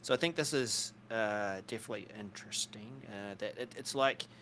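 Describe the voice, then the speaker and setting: A man with a fairly low voice chats casually as co-host of a live show. He jokes, laughs easily and thinks out loud with plenty of fillers. A faint hum of background noise sits under him. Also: a little fast. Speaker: podcast co-host.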